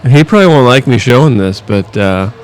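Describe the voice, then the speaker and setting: Unhurried storytelling man. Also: mid-range voice, lively intonation, soft background music. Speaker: podcast co-host. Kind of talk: casual chat.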